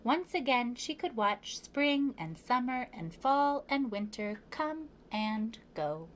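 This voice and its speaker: Reading to preschoolers from a children's picture book, this woman speaks in a measured, expressive way and leans on emphatic pauses. Her pitch sits on the high side, and there's a faint hiss or hum in the recording.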